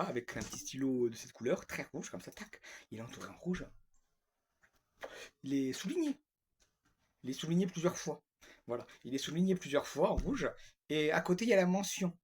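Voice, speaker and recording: A man's voice: on the high side, slightly rough. A man delivering a rambling, grumpy and sarcastic comic monologue, repeating himself often.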